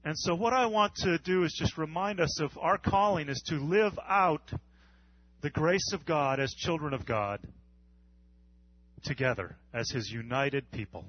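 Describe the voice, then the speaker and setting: Man preaching an earnest, measured sermon. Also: on the high side, expressive, slightly rough, muffled recording. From United States. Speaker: pastor.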